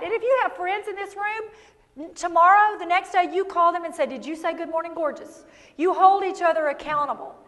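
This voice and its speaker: A woman giving a lively, punchy motivational keynote to a live audience, calling for responses. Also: sits high. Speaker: motivational speaker. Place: large hall before an audience. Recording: long reverb of a large hall.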